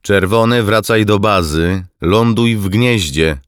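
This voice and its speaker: A man voicing an insistent male ground controller who calls loudly over the radio and grows pleading, in a wartime audiobook. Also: sits low, slow, no room sound, clean studio sound, pitched above the performer's own voice.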